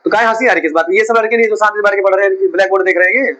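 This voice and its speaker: A man's voice: high voice, steady tone, racing, pushed and bright, highs cut off. A man teaching a chemistry class in a coaching centre, questioning and scolding his students as he explains.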